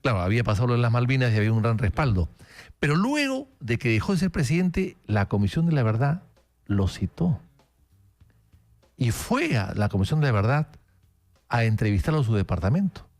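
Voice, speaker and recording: A man's voice: mid-range voice, big pitch swings, fairly quick, a little mellow, soft background music. A man hosting a radio political interview, telling anecdotes with many "eh" fillers. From Peru. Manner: conversational anecdotes, frequent fillers. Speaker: radio host.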